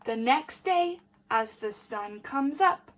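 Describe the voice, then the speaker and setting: A female teacher reads a picture book aloud to children, animated and deliberate, stopping now and then to ask them questions. Her voice sits high.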